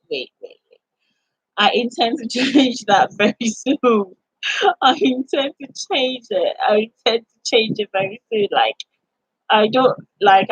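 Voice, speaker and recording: A woman's voice: mid-range voice, husky, no echo, lo-fi sound. A woman from Ghana with a Ghanaian accent hosts a casual live-stream chat, answering viewers in a chatty, inviting way and filling her talk with "like" and "you know.".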